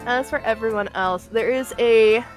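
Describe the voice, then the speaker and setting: A woman narrating a tabletop role-playing game as game master in a casual, halting way. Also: fairly high pitch, soft background music.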